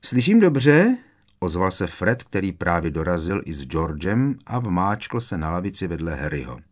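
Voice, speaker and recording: Deep-voiced male audiobook narrator. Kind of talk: scripted narration.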